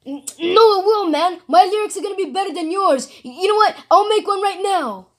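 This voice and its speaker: A woman's voice: very high voice, fairly quick, slight background noise, voice pushed up. A woman voicing an indignant male cartoon devil who fires back with defensive comebacks and a rap. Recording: voice over loud music.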